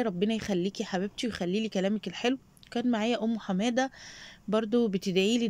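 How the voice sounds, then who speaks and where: A middle-aged Egyptian woman with an Egyptian accent, greeting her followers by name and offering them blessings in a casual shopping vlog. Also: medium pitch. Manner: warm greetings and prayers for viewers. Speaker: shopping vlogger.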